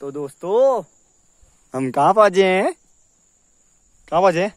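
A man's voice: sits high, big pitch swings, measured pace, heavy background noise. A young man chatting to the camera on an outdoor hill road during a casual motorbike travel vlog. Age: young adult. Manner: chatty, talks straight to the camera. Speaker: vlogger. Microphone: camera held at arm's length and helmet camera.

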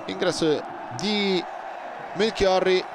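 A man commentating on football in breathless, excited goal-call style, shouting and stretching out his words. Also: high-pitched, slow. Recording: crowd roar and stadium noise behind. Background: loud stadium crowd.

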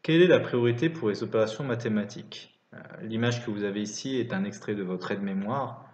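Male maths teacher for lesson voice-over, lower-middle everyday pitch, dictates piece by piece, roomy and slightly dull recording. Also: fairly quick, a little mellow. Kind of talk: scripted lesson narration.

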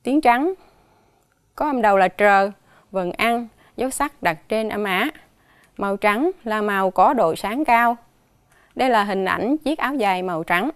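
A woman teaching children a dictation lesson, slowly and carefully spelling out each sound and tone mark, with a Southern Vietnamese accent. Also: mid-range voice, expressive, clear, resonant tone, dry recording. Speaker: primary school teacher.

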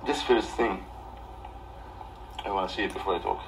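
A man with an Egyptian accent delivers an off-the-cuff rant to camera on a livestream from a small indoor living room. His voice is low, and he argues haltingly and defensively, repeating himself. The mic is some distance away, picking up light background noise.

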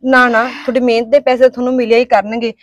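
A woman voices a kind-hearted young Punjabi daughter-in-law. She talks fast in a high voice and stands her ground when pressed. The recording is close and dry. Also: flat delivery, dry recording, dull audio, natural voice. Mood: consoling. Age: young adult. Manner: quick, earnest, talks back. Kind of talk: village family drama acting.

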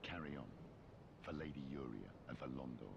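Gravelly solemn game knight. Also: male voice, muffled recording. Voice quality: deep gravelly voice. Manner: grave, archaic, slow delivery. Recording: game audio under gameplay noise.

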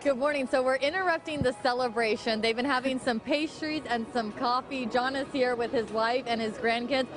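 High-voiced upbeat woman reporting live. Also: moderate pace, few pauses, over music. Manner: upbeat, chatty. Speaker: field reporter. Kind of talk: live morning news interview. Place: large indoor shopping mall. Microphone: handheld mic.

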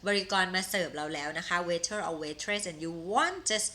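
A Thai-accented woman teaching English phrases in a live-streamed lesson, modelling each phrase slowly and carefully between quick explanations. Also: fairly low pitch, very animated, pushed and bright. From Thailand.

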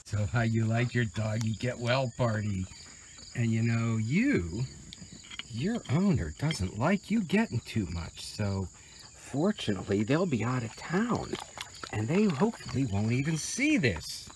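An older man, a potter and vlogger, chats casually and sweetly to his dogs as he gives them treats, speaking slowly yet with liveliness. His voice is mid-range, and there is background noise.

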